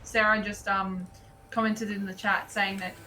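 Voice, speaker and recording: An Australian woman playing a tabletop game, teasing the others in quick banter. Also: medium pitch, little pitch movement, bright, forceful tone, faint music behind. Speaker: player. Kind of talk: casual chat during a tabletop game.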